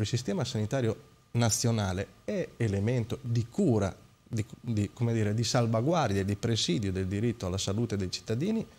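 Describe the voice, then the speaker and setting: A man's voice: fairly low pitch, darkish tone. A man speaking as a guest in a talk show debate, hesitant, often searching for words. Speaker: studio guest.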